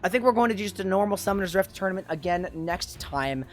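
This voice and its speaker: Animated and fast, this medium-pitched voice belongs to an esports tournament host and caster whose voice is wearing out after two days of nonstop talking. He speaks casually to livestream viewers, expressing his appreciation.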